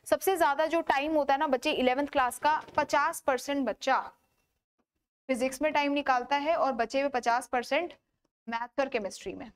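A woman's voice: sits high, moderate pace. A young woman giving casual, emphatic study advice to students, repeating her points and asking rhetorical questions.

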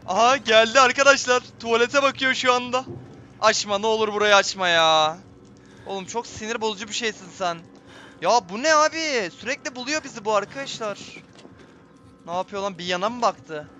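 A man's voice: high-pitched, pushed and bright. A man giving tense, jumpy live commentary on a horror game, talking straight to his viewers. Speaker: gameplay streamer.

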